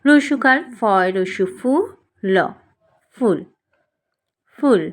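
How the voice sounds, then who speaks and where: Female teacher, unhurried delivery, patient, sounds out every syllable carefully. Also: a little high. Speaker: Bengali spelling teacher. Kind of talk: slow instructional lesson.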